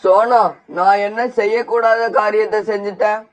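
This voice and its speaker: Man voicing an unfaithful father sparrow, cartoon, curt, dismissive, high-pitched. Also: level tone, normal speed, natural voice. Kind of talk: cartoon voice acting.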